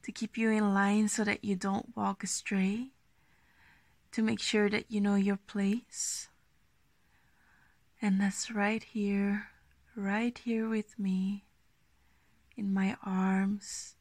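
A woman doing an ASMR role-play as an affectionate, gently dominant girlfriend, speaking slowly and intimately in a coaxing half-soft voice. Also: mid-range voice, flat delivery, no echo. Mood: coaxing, possessive. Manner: slow, breathy, intimate, soft-spoken, coaxing.

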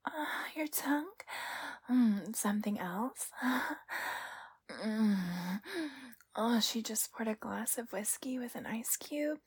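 In an intimate adult audio roleplay, a woman voices a temptress spirit in a breathy, high, yet darkish-toned voice, fully in character. She talks slowly and teasingly, often dropping to a whisper, with sultry, playful hesitations.

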